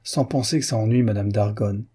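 Cocky young gent at the races, man reading him, low and mellow. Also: brisk, breathy edge. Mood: assured. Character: self-assured young gentleman at the races. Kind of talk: audiobook character voice.

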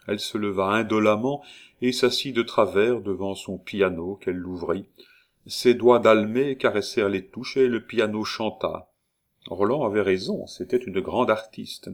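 A man narrating a classic novel as an audiobook in a measured, deliberate reading. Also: fairly low pitch.

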